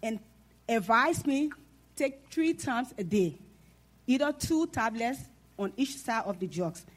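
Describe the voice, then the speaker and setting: A Liberian-accented woman addressing a town hall from the floor. Her voice sits somewhat high, and she builds her points with earnest, formal, almost sermon-like conviction. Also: expressive, takes it slowly. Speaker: audience member.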